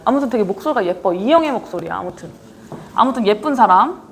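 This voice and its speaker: A woman's voice: mid-range voice, fast, slight background noise. A woman lecturer giving a leadership training talk, casually quizzing her audience again and again. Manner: lively, quizzes the audience often; casual, talks down-to-earth with students.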